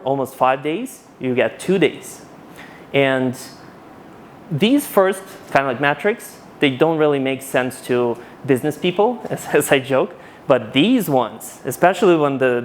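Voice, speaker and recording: A man in his thirties from Ukraine giving a conference talk with a handheld mic, animated and casual, often restarting his sentences. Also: mid-range voice, slight background noise. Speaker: conference speaker. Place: conference hall.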